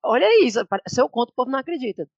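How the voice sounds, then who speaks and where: A woman's voice: high-pitched, sing-song, very fast, no room sound, highs cut off. A Brazilian woman in her thirties, co-hosting a casual podcast and retelling a mishap in a chatty, emphatic way. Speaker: podcast co-host. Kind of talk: casual storytelling chat.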